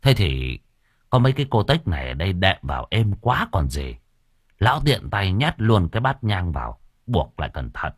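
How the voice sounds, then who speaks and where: A man narrating a horror audiobook in a lively storytelling manner. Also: low voice, normal speed, slightly rough, no room sound, clean studio sound.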